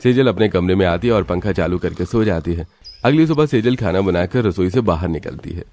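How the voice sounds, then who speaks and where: A man giving even, matter-of-fact scripted narration for a cartoon story. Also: deep voice, fairly quick, slight background noise.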